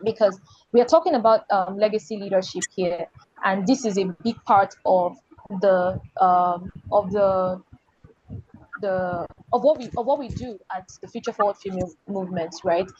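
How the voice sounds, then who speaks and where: A woman's voice: mid-range voice, moderate pace, darkish tone, husky, muffled recording. A woman hosting an online panel over a video call, circling back and restarting her questions. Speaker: panel host.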